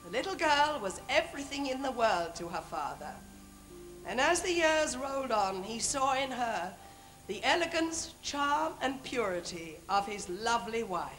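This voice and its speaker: An older English actress playing a kindly, stately fairy godmother in a stage pantomime, declaiming rhymed narration in a grand, measured way. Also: a little high, big pitch swings, fairly bright tone, low-quality recording. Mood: tender storytelling. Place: theatre stage. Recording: amateur videotape of stage show, music underneath.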